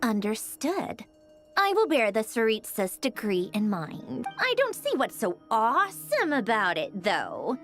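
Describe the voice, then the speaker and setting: A haughty, icy fantasy commander delivers dismissive, clipped lines in a video game cutscene. Her voice sits high and swings widely while she drawls slowly. Soft game music plays beneath. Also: wildly swooping pitch, full character voice. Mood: measured. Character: cold, haughty woman commander in a fantasy army.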